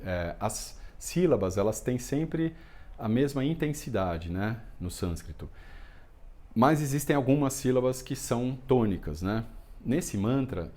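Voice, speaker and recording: A man teaching yoga and meditation, explaining a mantra in a relaxed way, often asking "né?" and chanting lines slowly. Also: mid-range voice. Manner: relaxed, explanatory, constant filler "né?". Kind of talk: explanatory lesson on a Sanskrit mantra.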